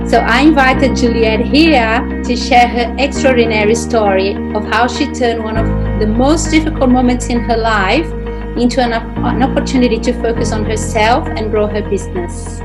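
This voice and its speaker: Eager woman host over music. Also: on the high side. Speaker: podcast host. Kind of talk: interview host introduction and questions. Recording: clear music playing behind her.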